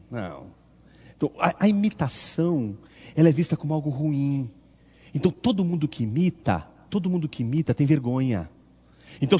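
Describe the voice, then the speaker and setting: A man preaching a sermon in an animated, rhetorical way, acting out the voices he quotes. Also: on the high side. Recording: long reverb.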